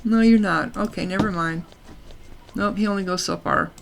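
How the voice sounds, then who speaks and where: A woman's voice: mid-range voice, normal speed, vocal fry. A woman playing a role-playing game, reading its text aloud with casual asides and small stumbles.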